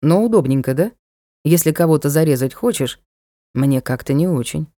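A blunt young knight, voiced by a woman reading an audiobook needles and teases in a low, mellow voice. He talks in a brusque, matter-of-fact way. The recording is dry and close. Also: animated, moderate pace, no echo. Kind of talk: audiobook character voice.

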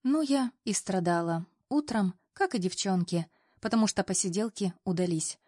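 A woman reading a first-person story aloud in a lively, confiding way. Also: medium pitch, moderate pace, no echo, studio quality. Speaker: audiobook narrator.

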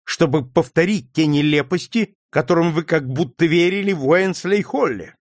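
A man's voice: a little high, moderate pace, no echo, studio quality, pitched above the performer's own voice, natural voice. A man voicing a haughty, jealous noblewoman who mocks her rival in a sneering tone. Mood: scornful mocking. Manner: sneering, mocking.

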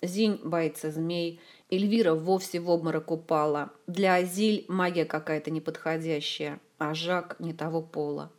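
A woman's voice: low-pitched, steady tone, moderate pace, few pauses, darkish tone, lightly acted. A woman voicing a gloomy, blunt male prince who speaks sullenly and to the point.

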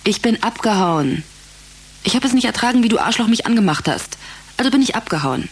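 An actress playing a blunt, sarcastic young woman in a radio drama, with a husky voice. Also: on the high side, expressive, brisk. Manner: blunt, sarcastic, street-tough.

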